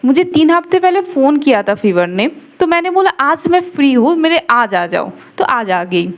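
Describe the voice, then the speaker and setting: A woman's voice: high-pitched, very animated, moderate pace. A woman voicing a stern, sarcastic female professor who is feverish and irritable, scolding with pointed questions.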